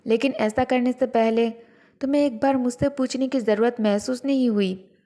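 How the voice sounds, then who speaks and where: A stern young husband questions someone in a heavy, controlled tone, as a woman narrator acts him out. His words come short and sharp, with anger held just under the surface. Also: fairly high pitch, steady tone, normal speed, pitched above the performer's own voice, lightly acted.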